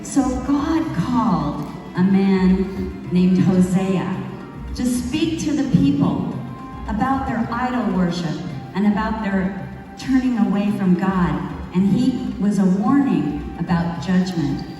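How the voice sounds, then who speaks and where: Woman playing Gomer, slow and echoing. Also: mid-range voice, animated, warm tone. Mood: regretful. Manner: slow, reflective storytelling with dramatic pauses. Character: wayward young biblical wife turned remorseful. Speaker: monologue performer. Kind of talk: theatrical first-person monologue. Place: large hall at a retreat. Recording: echoey hall from far off, faint music.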